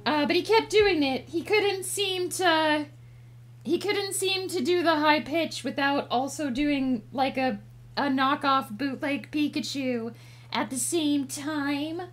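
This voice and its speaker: A woman hosting a livestream chats casually with viewers in a playful, cutesy put-on character voice. It's high and slow, with faint music behind her.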